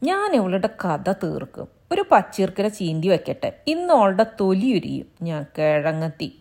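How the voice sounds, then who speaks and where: A woman's voice: on the low side, sing-song, moderate pace, gravelly, a little mellow, full character voice. A woman voicing a blustering but tender-hearted village husband in a storybook reading.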